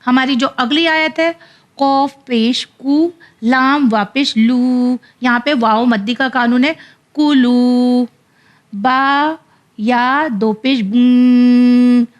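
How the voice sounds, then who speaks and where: Woman, Quran reading teacher, high voice, unhurried sounding-out drills alternating with quick explanations. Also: lo-fi sound. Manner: spells letters and vowels out slowly, then explains rapidly. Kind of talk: slow syllable-by-syllable spelling drills between fast explanations.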